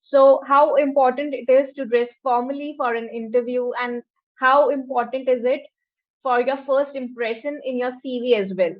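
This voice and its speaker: A woman moderating an online session, speaking in a fairly high voice. She puts questions across earnestly, leaning on filler words. The sound is dull and lo-fi, like call audio. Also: steady tone, moderate pace. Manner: earnest, leans on "like" and "yeah".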